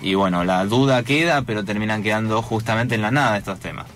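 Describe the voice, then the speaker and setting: A radio guest, a man with a Rioplatense Spanish accent and a somewhat low voice. He keeps hesitating and restarting, and his pace is uneven. Faint music plays behind him. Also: quick pace, fairly bright tone. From Argentina. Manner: hesitant, many fillers and restarts. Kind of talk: radio talk, recounting school events.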